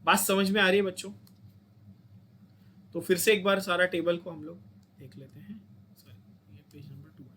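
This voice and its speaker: High-pitched Indian man teaching chemistry. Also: moderate pace, pauses often, background noise. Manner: coaxing, repeats points and asks students to say them back. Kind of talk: online lecture.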